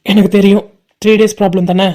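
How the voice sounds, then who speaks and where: A woman voicing a caring but bossy young college boy in a cartoon, pushing rapidly and teasing his friends. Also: medium pitch, level tone, background noise, natural voice. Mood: frank. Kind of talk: cartoon voice acting.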